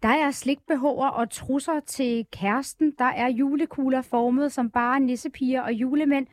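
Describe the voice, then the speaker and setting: A woman's voice: sits high, steady tone, no echo, clean studio sound. Upbeat woman podcast co-host. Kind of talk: reading an erotic story aloud, then casual chat. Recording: background music bed.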